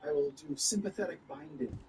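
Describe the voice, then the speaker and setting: A man's voice: fairly high pitch, fairly quick. A man playing in a tabletop game, talking casually and hesitantly with many fillers. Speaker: player. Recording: distant mic, faint noise.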